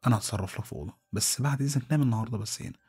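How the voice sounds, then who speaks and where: A man's voice: medium pitch, racing, mellow, husky. A man voicing a flustered Egyptian hospital caretaker. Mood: pleading.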